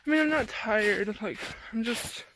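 Young woman, trail vlogger, slow easygoing talk, tired, arm's-length phone outdoors, faint hiss. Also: on the high side, animated. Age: young adult. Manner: chatty, rambling, laughs often, talks while walking. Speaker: thru-hiker vlogger. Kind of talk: casual trail vlog. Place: outdoors in a mountain forest. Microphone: phone camera held at arm's length.

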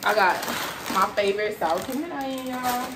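Her voice is a little high and her pace moderate as this young vlogger unloads bags from a grocery run. She's tired and sweaty but chatty, talking to "y'all" while moving around a small apartment kitchen. A distant camera across the room picks her up, with echo and background noise.

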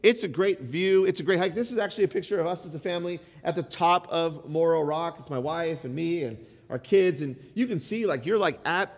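A pastor in his thirties preaches in a large church auditorium, telling stories conversationally and peppering them with "like" and other fillers. His voice is on the high side, he talks a little fast with few pauses, and the sound has a long reverb tail.

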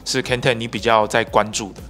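A host in his thirties with a Taiwanese Mandarin accent interviews a guest and explains the guest's points to viewers, fluently and with sentence-final particles. His medium-pitched voice stays fairly flat and brisk over music. He holds a handheld mic in a bright office room.

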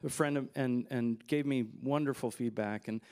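This is a filmmaker in his forties, speaking at medium pitch and a moderate pace during a festival Q&A. Mic in hand on a stage with a backdrop behind him, he spins loose, relaxed stories, laughing and dropping fillers as he goes.

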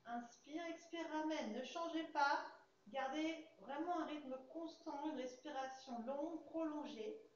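A woman with a French accent, a Pilates instructor calmly guiding a class through exercises and breathing cues. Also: sits high, unhurried, a little hiss or hum. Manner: calm, coaching cues with breath counts. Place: fitness studio. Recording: very echoey studio, slightly dull sound.

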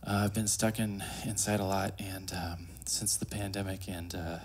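A man in his thirties doing casual stand-up into a stage mic, with a hesitant, awkward deadpan delivery. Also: low voice, moderate pace. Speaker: stand-up comedian and ventriloquist. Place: small comedy club stage. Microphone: handheld and stand stage microphone. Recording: noisy live comedy club.

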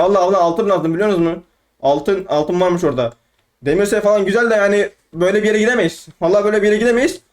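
A young man giving excitable, rambling let's play commentary, trash-talking opponents and talking to himself. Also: sits high. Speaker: gaming YouTuber.

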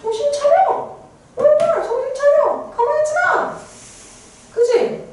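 A woman voicing a noble, loyal dog that barks at the speaker to wake up and fight, in a shrill, insistent scolding tone. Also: slow pace, a little mellow. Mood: urgent scolding. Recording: echoey room heard from a distance.

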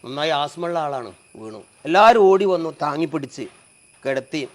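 A man's voice: on the high side, expressive, normal speed. A man, telling a personal story with earnest, rising and falling emotion.

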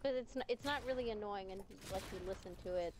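A woman's voice: medium pitch, brisk. A woman chatting with friends while gaming, talking through what she is doing. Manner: chatty, narrates her own moves. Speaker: friend playing along in the game. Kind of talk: casual gameplay chat. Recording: home mic with noticeable background noise.

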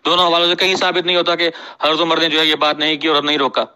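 A man's voice: on the high side, flat delivery, pushed and bright, clean tone, rough recording. A man recording a debate message, insistent and challenging, repeating his demands.

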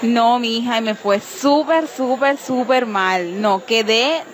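A woman's voice: a little high, takes it slowly. A woman with a Colombian Caribbean Spanish accent, chatting casually as if to a friend.

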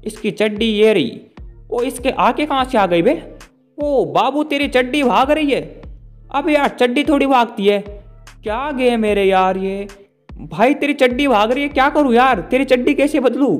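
High-voiced excitable gaming commentator man. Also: normal speed, soft background music. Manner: excitable, joking, talks to the game character and viewers. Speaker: gaming YouTuber. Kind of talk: playful gameplay commentary.

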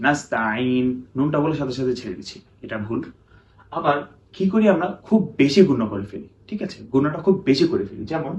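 A man's voice: medium pitch, darkish tone. A man teaching Quran pronunciation in a step-by-step online lesson with a Bangladeshi Bengali accent, often checking that students follow and stretching out nasal sounds to demonstrate. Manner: drawn-out nasal demonstration syllables. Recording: dull roomy recording, faint hiss.

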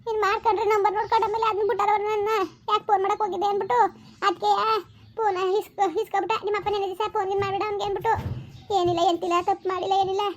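A woman's voice: very high voice, level tone, very fast. A woman acting as a pious, worried village mother, consoling her son and invoking God. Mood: lamenting.

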